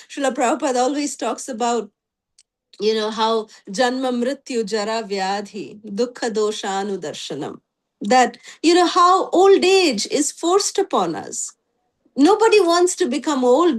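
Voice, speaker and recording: Woman, high voice, devotional teacher speaking over a video call, loose storytelling delivery. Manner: storytelling, with frequent "you know" fillers. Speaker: spiritual class teacher. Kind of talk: devotional scripture class. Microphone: online video call.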